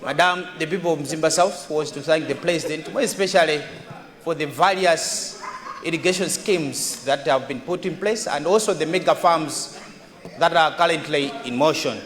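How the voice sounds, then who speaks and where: Formal Malawian man, fairly high voice, echoing hall. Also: moderate pace, fairly bright tone. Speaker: member of parliament. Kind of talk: formal parliamentary question. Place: large indoor parliamentary chamber.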